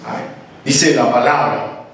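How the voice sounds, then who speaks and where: A man leading a church Bible study discussion. He explains things in an animated way, correcting himself as he goes. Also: mid-range voice, slow. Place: church meeting room. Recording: echoey room, distant mic.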